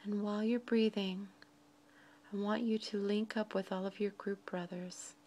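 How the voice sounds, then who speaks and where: Speaking slowly and deliberately in a soft, breathy, medium-pitched voice, a woman guides a meditation in short phrases broken by frequent pauses. Her delivery is flat, and a faint hiss or hum sits under the recording.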